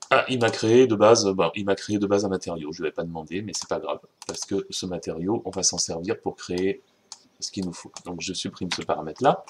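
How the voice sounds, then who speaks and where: Brief: French male tutor, lowish voice, informal screen-recorded lesson, soft keyboard and mouse clicks behind. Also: a little hiss or hum. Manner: informal, chatty, self-correcting, addresses viewers directly. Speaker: software tutorial instructor.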